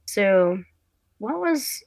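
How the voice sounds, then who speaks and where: A woman's voice: medium pitch, big pitch swings, extremely slow, vocal fry, darkish tone, no echo. Young woman, podcast guest, chatty, rambling, dry sound. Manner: rambling, chatty, self-interrupting. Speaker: guest, content creator. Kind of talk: casual podcast chat.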